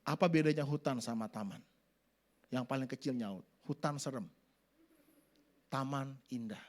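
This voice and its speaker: A middle-aged man preaching a sermon, acting out family scenes in sudden loud voices. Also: medium pitch, moderate pace. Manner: animated, acts out family scenes with shouted voices. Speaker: pastor.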